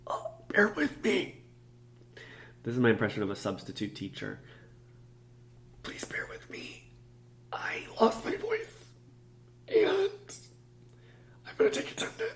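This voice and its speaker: A man putting on a substitute teacher who has lost their voice, speaking in a high, strained whisper. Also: wildly swooping pitch, measured pace, long pauses, exaggerated voice. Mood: pleading.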